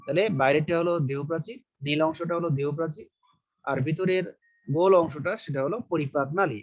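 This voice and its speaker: Male biology teacher with a fairly high voice, repetitive question-and-answer lecturing, muffled lo-fi recording. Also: fairly even intonation, a little fast. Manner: repeats key terms, asks and answers his own questions. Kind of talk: online lecture.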